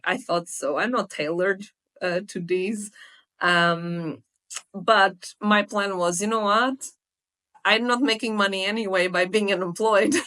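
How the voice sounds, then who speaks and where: A young woman from Portugal, a sales hiring expert, telling her story in a lively, conversational interview with many fillers. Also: mid-range voice. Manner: lively storytelling with frequent fillers and self-corrections.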